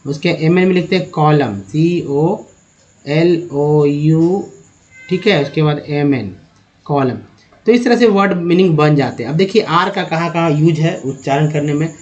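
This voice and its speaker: A man teaching an English pronunciation lesson, slowly spelling words letter by letter and addressing viewers as friends. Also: fairly high pitch. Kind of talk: spoken language lesson. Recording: dull lo-fi recording.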